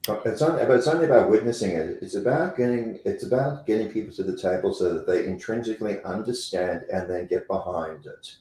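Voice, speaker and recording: As a guest in an interview, a company president with a South African accent speaks fairly quickly and with few pauses, emphatic and fond of repeating phrases for effect. His voice is on the low side and dark. The low-quality recording is roomy, with a little hiss or hum.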